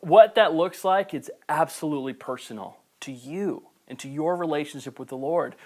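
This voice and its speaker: A man preaching a sermon to a camera, impassioned, swinging between loud emphasis and soft, gentle asides. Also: on the high side. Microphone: camera mic.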